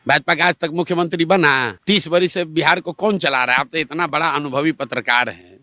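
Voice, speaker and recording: A man's voice: fairly high pitch, brisk, bright, forceful tone, no room sound, studio quality. A man with a Bihari Hindi accent arguing politics in an interview, emphatic and rhetorical, acting out what others say in mock dialogue. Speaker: party spokesman interviewed. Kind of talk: animated political argument. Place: Patna, Bihar.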